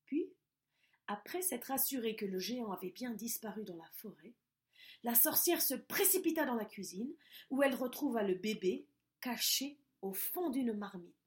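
A woman reading a children's story aloud in a gentle voice, often dropping to a soft hush. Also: a little high, lively intonation, moderate pace.

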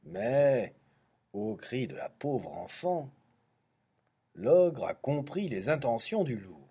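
Playful male storyteller with a lively voice. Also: medium pitch, takes it slowly, creaky, breathy edge. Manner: playful, teasing asides. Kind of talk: children's story reading.

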